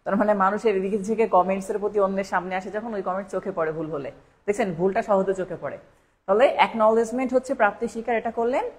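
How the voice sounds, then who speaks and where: A woman speaking at a racing pace in a husky, medium-pitched voice runs a live online English spelling lesson for exam prep. Each word gets repeated several times and then spelled out letter by letter.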